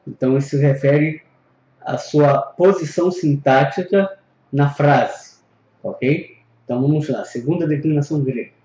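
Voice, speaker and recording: A man's voice: a little high, dark tone. A man teaching a recorded Greek grammar lesson, patient and explanatory, often repeating and reviewing terms. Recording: echoey, dull lo-fi room recording.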